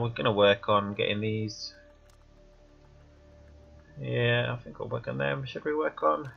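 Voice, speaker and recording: Thinking aloud while gaming, a stuffy, sniffly man with a cold rambles through casual let's play commentary. He has a medium-pitched, creaky, slightly rough voice, heard in a dull lo-fi recording over faint music.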